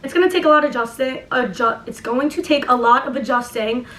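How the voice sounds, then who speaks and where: A young woman with a high voice talks in an echoey room, a little away from the microphone. She has a lisp and speaks through a barely opened jaw. Her storytelling is casual and confessional, peppered with swearing and filler "likes". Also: a little fast, a bit bright, far from the mic. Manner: emphatic, swearing, heavy use of "like". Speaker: vlogger.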